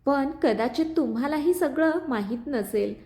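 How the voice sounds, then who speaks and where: An anxious young woman speaks softly and carefully to her boss. A woman reads her in a high voice. The room gives an echo. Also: unhurried. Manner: soft, anxious. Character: anxious young female assistant.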